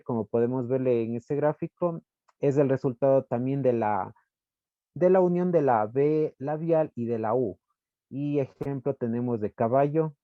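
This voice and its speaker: A man giving a class presentation from slides, explaining step by step and often pausing to search for words. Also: mid-range voice, dry recording. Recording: dull lo-fi dry recording.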